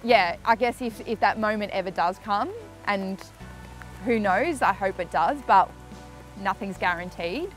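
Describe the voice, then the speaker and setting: A young woman reflects openly in a documentary interview, her voice sitting at an ordinary middle pitch. She talks candidly and with feeling, often trailing off or circling back with fillers. Soft music plays faintly beneath her. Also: a little slow. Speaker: professional netball player.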